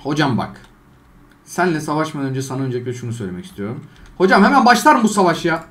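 A man doing gameplay commentary, trash-talking game characters and swinging between loud outbursts and low mutters. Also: big pitch swings, fast. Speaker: gaming YouTuber.

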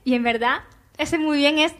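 A woman's voice: high voice, normal speed. A young woman hosting a comedic radio segment, playful and teasing, in a small studio on a desk mic. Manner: playful, teasing, asks leading questions. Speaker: radio host. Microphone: desk mic on stand.

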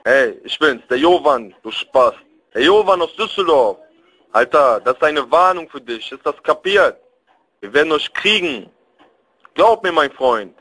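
A man's voice: fairly high pitch, expressive, unhurried, fairly bright tone, slightly rough, low-quality recording. A young man talking over the phone in a menacing, slangy, confrontational way, as in a threatening prank call. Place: on a telephone call.

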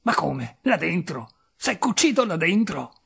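A man's voice: a little high, big pitch swings, unhurried, gravelly, fairly bright tone, slightly rough, full character voice. A man reading a story aloud, voicing an irascible landowner who exclaims and fusses in agitation. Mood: flustered. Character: irascible middle-aged male landowner, fussy and stingy.

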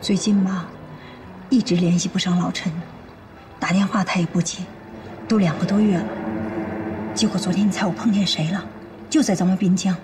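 An actress playing a worried wife who pleads anxiously with a friend for help. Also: female voice, fairly low pitch, fairly even intonation, moderate pace, pauses often, close to an everyday voice. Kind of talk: TV drama acting. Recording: clear background noise.

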